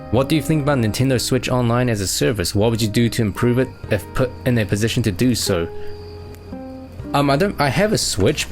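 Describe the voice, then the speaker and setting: Young male host, low-ish voice, relaxed rambling Q&A, steady music underneath. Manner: easygoing, rambling, lots of fillers. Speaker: channel host answering fan questions. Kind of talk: casual chat. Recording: music playing behind.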